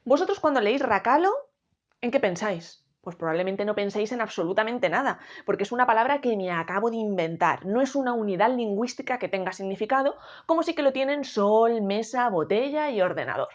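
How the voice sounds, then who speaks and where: A woman educator with a Spain Spanish accent leads a lesson, speaking slowly and clearly and sounding out each syllable. Her slightly high voice swings widely in pitch. The recording is a little dull and lo-fi. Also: lively intonation. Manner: slow, clear teacher talk, spelling out syllables. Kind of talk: explaining a lesson to students.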